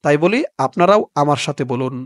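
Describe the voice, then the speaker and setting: A man with a fairly high, smooth, clear voice teaches recitation slowly and patiently, spelling out each sound. He chants the recited words long and drawn out. The voice is recorded close and dry, with no room sound. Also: expressive, dry recording. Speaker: religious teacher. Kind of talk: step-by-step recitation lesson.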